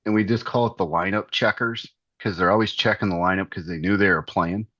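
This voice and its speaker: Male, middle-aged, deep voice, self-mocking casual storyteller, dry dulled recording. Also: steady tone, brisk, fairly bright tone, dry recording, lo-fi sound.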